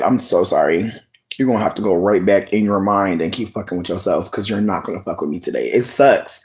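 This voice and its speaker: During a casual livestream, this person talks with viewers while snacking, their voice medium in pitch. They come across as sassy and expressive, with plenty of profanity.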